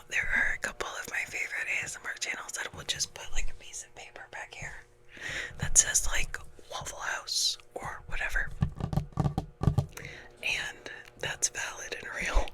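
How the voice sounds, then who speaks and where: Breathy and hushed, a female ASMR creator whispers her way through a loose, stop-and-start monologue, casual and self-deprecating in tone.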